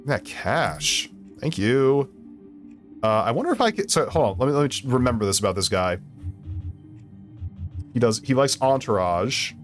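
A man's voice: medium pitch, big pitch swings, normal speed, pauses often, soft background music. A man streaming a video game, commenting casually in a playful, jokey way and laughing often.

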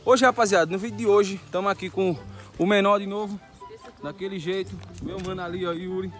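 A young adult motovlogger with a Northeastern Brazilian accent chats in slangy, excitable vlog style and gives short, repeated riding commands, standing by a motorbike on an empty street. His voice is high and a little fast, recorded on a phone at arm's length with music and the engine in the background.

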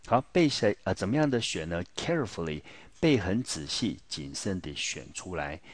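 A man's voice: low-pitched, big pitch swings, normal speed, dry recording. A male teacher with a Taiwanese Mandarin accent, patiently explaining English vocabulary in a classroom lesson and asking his students rhetorical questions. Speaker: high school English teacher.

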